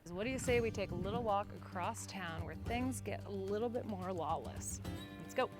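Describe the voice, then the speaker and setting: A woman's voice: medium pitch, fairly quick. A woman giving a chatty, enthusiastic vlog tour, telling stories to viewers like a guide. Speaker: travel vlogger and former tour guide. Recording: background music under the voice. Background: music.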